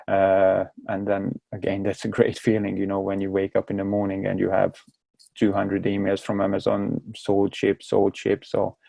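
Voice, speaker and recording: A Hungarian man in his thirties tells his story as a podcast guest in casual interview talk, using English as his second language and often repeating words as he hunts for them. His voice sits low and creaky with a dark tone and a completely flat delivery at normal speed. The recording is dry.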